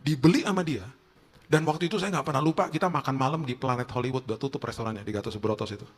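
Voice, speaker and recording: A man, a pastor preaching in a lively, joking storytelling way full of casual slang. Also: medium pitch, very fast. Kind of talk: humorous storytelling sermon.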